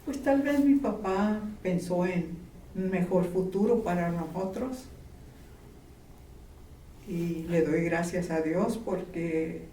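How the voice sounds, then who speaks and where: A woman from Mexico, slowly and gently reminiscing in an interview. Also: on the low side. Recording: roomy, distant, faint background noise.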